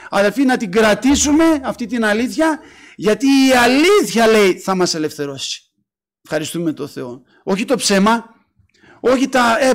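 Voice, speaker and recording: High-voiced fervent Greek preacher. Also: male voice. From Greece. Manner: fervent preaching, calling out alleluia and asking questions of the congregation. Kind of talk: sermon.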